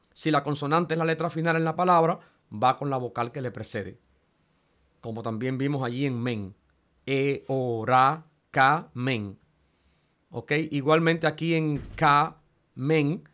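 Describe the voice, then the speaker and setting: A man lecturing a class with slow, deliberate pacing. He sounds out each syllable carefully and patiently as he explains the rules. His voice sits at an ordinary middle pitch for a man. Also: fairly bright tone. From Cuba. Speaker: Greek teacher.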